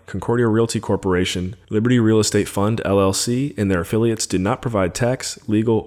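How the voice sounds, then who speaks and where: A man reading a scripted legal disclaimer quickly, in a formal, steady recital. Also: on the low side.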